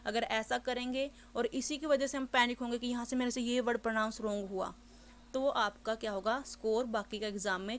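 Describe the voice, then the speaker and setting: A woman teaching an English exam lesson, explaining step by step and reading sample passages slowly and deliberately. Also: fairly high pitch, a little hiss or hum.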